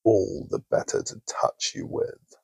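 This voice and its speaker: A man voicing a sly, hungry male wolf in a bedtime storybook reading, coaxing and then low and menacing. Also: a little slow, darkish tone, dry recording, studio quality, close to an everyday voice.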